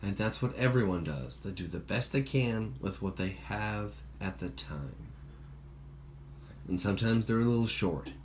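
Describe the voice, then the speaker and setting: Low-voiced man, podcast host, rambling casual talk, faint background noise. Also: expressive, a little slow. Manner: rambling, swears freely, acts out quoted voices.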